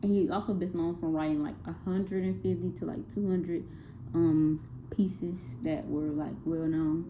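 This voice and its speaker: A young woman with a fairly low voice gives a casual class presentation on a music project, speaking at a normal speed with fairly even intonation. She sounds hesitant, using many fillers and correcting herself often. It was recorded on a phone and sounds tinny, with faint noise.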